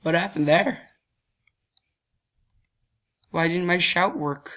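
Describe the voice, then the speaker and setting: A young man with a cold gives casual commentary over a screen-recorded game, thinking aloud while clicking around. His stuffy, deeper voice still sits high, slow and sharp in tone. As a gaming channel host, he giggles mischievously and often bursts into laughter.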